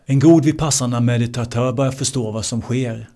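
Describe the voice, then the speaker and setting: A man teaching meditation in a slow, measured way, repeating key words for emphasis. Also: mid-range voice, mellow. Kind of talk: spiritual teaching talk.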